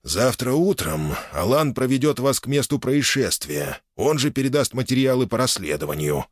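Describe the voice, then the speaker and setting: A man's voice: on the low side, sing-song, normal speed, a bit bright, no echo, clean studio sound, voice pushed up. A man voicing a grumpy, formal old nobleman in his eighties in an audiobook. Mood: curt displeasure. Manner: stiff, displeased, formal.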